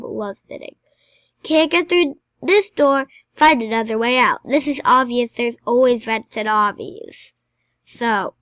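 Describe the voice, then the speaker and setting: A woman giving casual, excitable commentary while playing a game, chatty and dropping into mumbled asides. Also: a little high, no room sound. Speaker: gameplay commentator.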